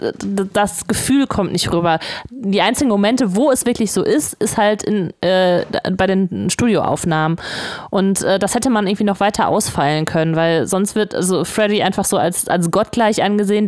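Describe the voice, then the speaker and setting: Female co-host, halting delivery, dry close sound. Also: mid-range voice, darkish tone, dry recording. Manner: hesitant, many fillers. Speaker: podcast co-host. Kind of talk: casual film discussion.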